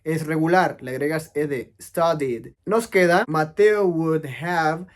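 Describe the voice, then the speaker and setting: A man's voice: on the high side, slow. A man teaching English grammar, explaining step by step and answering his own questions. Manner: explanatory, asks questions and answers them himself.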